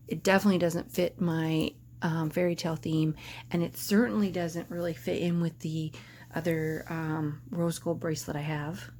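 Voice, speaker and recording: A woman's voice: lowish voice, darkish tone, a little hiss or hum. Rambling, hesitant woman vlogger. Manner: rambling, hesitant, full of ums and restarts. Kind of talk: casual chat to camera.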